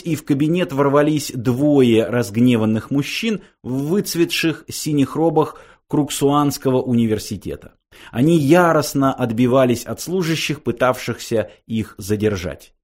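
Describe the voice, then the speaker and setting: Male audiobook narrator, animated, swinging pitch. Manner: animated storytelling.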